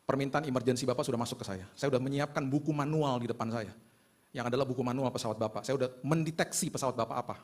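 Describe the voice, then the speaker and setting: A man doing a calm, steady air traffic controller. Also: medium pitch, very fast, natural voice. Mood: calm reassuring.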